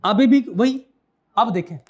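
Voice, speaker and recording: A man's voice: very high voice, unhurried. A man giving a classroom law lecture, quizzing students and repeating his key points.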